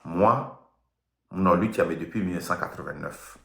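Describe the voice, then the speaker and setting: Speaking French with a Togolese accent and slipping into a local language, a man from Togo in his fifties hosts an impassioned, defiant livestream rant as an online activist. He has a low, creaky voice, talks a little slowly, and the audio is reverberant.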